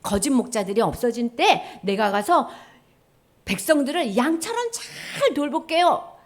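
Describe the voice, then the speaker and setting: Woman doing an earnest, eager young prophet in a Bible story, bright and lively voice. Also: sits high, unhurried, heavily acted.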